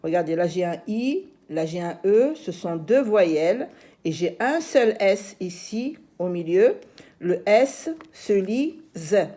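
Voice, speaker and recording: Slow, patient woman teaching phonics. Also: mid-range voice, lively intonation, mellow. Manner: slow, patient, repeats each word. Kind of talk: phonics lesson for young children.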